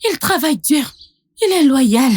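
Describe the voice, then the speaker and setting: A spoiled young village daughter, defiant and mocking. Her high voice swings up and down a lot, and she presses every point insistently. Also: animated, unhurried, darkish tone. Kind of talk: dubbed film acting.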